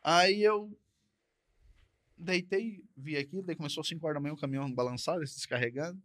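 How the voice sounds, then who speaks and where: A man's voice: fairly high pitch, brisk, fairly bright tone, no room sound, studio quality. A man, a truck driver and podcast guest, telling a personal story in a casual, repetitive way, often tagging phrases with short questions. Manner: repetitive, conversational, frequent tag questions. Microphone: podcast studio mic.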